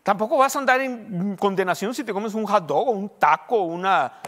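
A pastor preaches in a loose, conversational way, then pushes up into emphatic questions. His voice sits high for a man. The sound carries the long reverb of a large church hall. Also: normal speed, fairly bright tone. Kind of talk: sermon.

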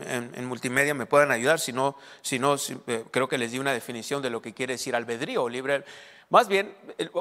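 A man preaches a teaching sermon in a fairly high voice that carries a long reverb from the hall. He stumbles and repeats words as he goes, often checking that his listeners are following. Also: a bit bright. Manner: halting, repeats words, asks the congregation questions. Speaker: pastor.

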